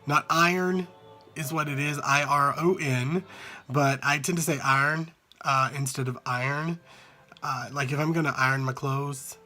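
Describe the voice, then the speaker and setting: A Southern man from the United States, with a medium-pitched, bright, forceful voice, rambles casually and unscripted into a phone held at arm's length. Answering an accent challenge as a vlogger, he slowly repeats single words to show how he pronounces them.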